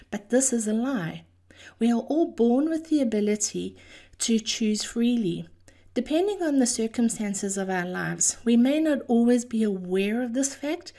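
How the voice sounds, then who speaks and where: Female podcast host, soft-edged mellow tone, scripted encouragement delivered deliberately with affectionate, theatrical emphasis. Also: mid-range voice. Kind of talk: scripted motivational monologue.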